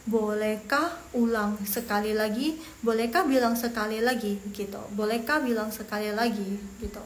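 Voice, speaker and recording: A chatty woman teaches beginner Mandarin, repeating each phrase slowly for her learners. Her voice sits a little high, and the recording has room echo with a faint hiss underneath. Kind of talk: casual language lesson.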